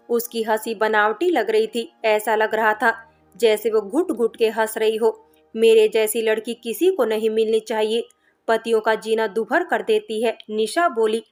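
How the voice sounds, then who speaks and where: A woman reading a family story aloud as scripted narration, speaking every character's lines in her own voice. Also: fairly high pitch. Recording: narration with background music.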